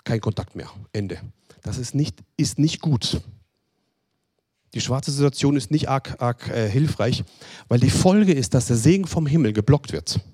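A man's voice: medium pitch, measured pace, breathy edge. A man preaching a sermon, pleading with listeners and acting out short dialogues. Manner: pleading, repetitive, addresses listeners directly; animated, acts out short dialogues in other voices.

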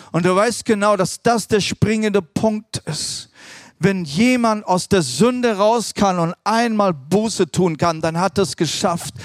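A man preaching a sermon to a congregation, emphatic and repetitive, dropping at times to quiet, intense tones. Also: high-pitched, no echo, clean studio sound. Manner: emphatic, repeats key words, drops to quiet intense tones.

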